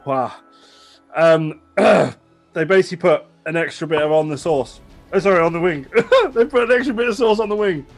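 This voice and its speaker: A man's voice: fairly high pitch, expressive, normal speed, soft background music. A man chatting casually as the host and interviewer. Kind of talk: casual chat.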